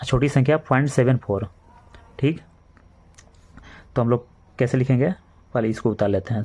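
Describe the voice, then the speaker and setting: A man with a Bihari Hindi accent teaching a maths lesson to children, explaining each step slowly and repeating himself. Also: mid-range voice, darkish tone. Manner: slow, repetitive step-by-step explaining, addresses children.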